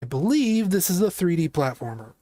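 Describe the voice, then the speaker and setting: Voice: mid-range voice, sing-song, brisk, mellow, no room sound. Scratchy-voiced streamer chatting over games. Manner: chatty, reacting aloud, laughs easily. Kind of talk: casual gameplay commentary.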